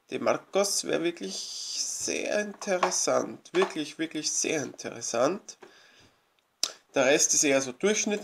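Man, let's play host, gravelly voice, fairly high pitch, rambling casual commentary, lots of fillers. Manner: chatty, rambling, many fillers and restarts; grateful, eager.

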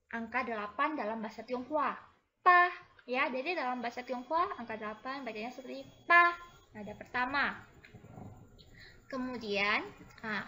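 High, sharp-voiced woman teaching young children. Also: rough recording. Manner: patient, repeats "ya" and "anak-anak" constantly; drawn-out, loud modeling of syllables. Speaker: primary school teacher. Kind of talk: recorded lesson for first graders.

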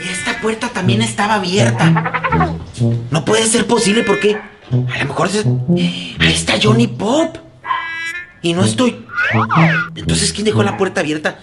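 Silly clown, male actor, Mexican accent, scatterbrained rambler for a kids' skit, very loud music underneath. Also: high-pitched, expressive, normal speed, long pauses. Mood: puzzled. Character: silly, forgetful, rambling clown in a children's show. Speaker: children's show clown. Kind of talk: children's comedy skit.

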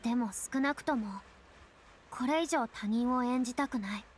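Her voice on the high side and near everyday speech, an actress portrays a proud, theatrical former star with boyish turns of phrase for an anime-style game, delivering lines at normal speed with haughty drama, resolve and wistfulness. The studio take sits over game music with a little hiss or hum.

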